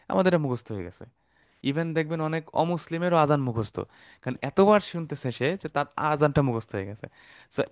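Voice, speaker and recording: Man, teacher, online lesson, relaxed explaining, middle pitch, dry close sound. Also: no echo. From Bangladesh. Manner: relaxed explaining with fillers and asides. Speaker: Quran Arabic teacher. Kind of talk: online class lecture.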